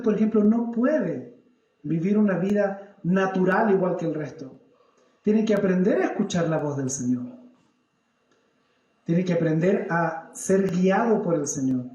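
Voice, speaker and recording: Man, 30s, pastor preaching, high voice, mellow tone, lively storytelling. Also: muffled recording. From Chile. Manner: animated storytelling, acts out his own prayers and questions the congregation. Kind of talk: church sermon. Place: church service. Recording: echoey church hall.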